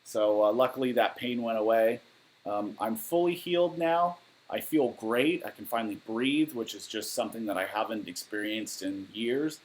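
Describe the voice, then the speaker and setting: A man's voice: on the low side, normal speed, slight background noise, poor audio. A man in his thirties, originally from Southern California, chats casually on a home livestream. He reads viewer questions aloud and answers them in a candid, matter-of-fact way, with plenty of fillers and restarts. He is picked up by a laptop mic in his living room. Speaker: musician livestreaming Q&A. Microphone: webcam or laptop mic at desk.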